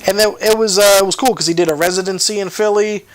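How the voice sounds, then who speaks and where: A man co-hosts a loose podcast chat, rambling through stories with plenty of restarts. His voice sits high. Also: fairly even intonation, fast talker. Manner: chatty, rambling storyteller with many restarts. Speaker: podcast co-host. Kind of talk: casual chat.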